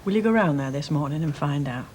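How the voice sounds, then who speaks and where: A woman's voice: deep voice, lively intonation, quick pace, darkish tone. An actress playing an anxious, insistent middle-aged woman, heard from a worn VHS tape copy with faint hiss and clicks. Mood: worried. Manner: worried, insistent.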